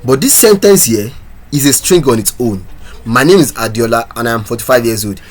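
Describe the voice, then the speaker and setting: A programming instructor with a medium-pitched, expressive voice speaks fairly quickly. In this screen-recorded coding tutorial, he talks through his code step by step and puts questions to viewers.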